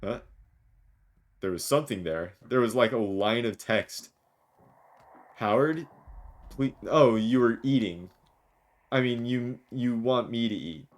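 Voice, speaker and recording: A man's voice: medium pitch, lively intonation, takes it slowly, pauses often. A man streaming a video game, chatting jokily and reading the dialogue aloud. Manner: jokey, rambling, reads lines with small voices.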